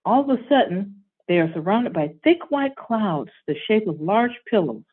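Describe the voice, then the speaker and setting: A woman hosting and reading a bedtime story in a calm, steady way. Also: mid-range voice, normal speed, husky. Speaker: host. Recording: tinny phone-like audio.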